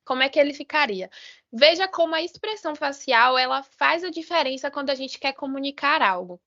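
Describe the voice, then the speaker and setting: Brazilian lady teaching sign language over a video call, high clear voice, muffled call audio, lots of "né?". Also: lively intonation, fairly quick, sharp tone. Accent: Brazilian Portuguese. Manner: explanatory, frequent "né?" tags and self-corrections. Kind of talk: live online class lecture.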